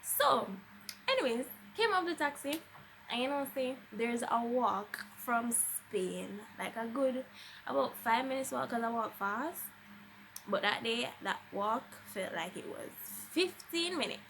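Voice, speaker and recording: Her voice is fairly high and bright, animated yet measured in pace, with some vocal fry and a little hiss or hum on the recording. A young woman with a Jamaican accent, she shares a personal story on her vlog in a relaxed, theatrical way, switching into Patois and acting out people's words.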